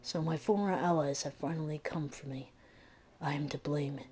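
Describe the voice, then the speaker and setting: A woman's voice: low voice, moderate pace, warm tone, natural voice. Woman reading a rambling, grieving old man. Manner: rambling, lamenting. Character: grief-stricken, rambling old man in a manor. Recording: game music playing underneath.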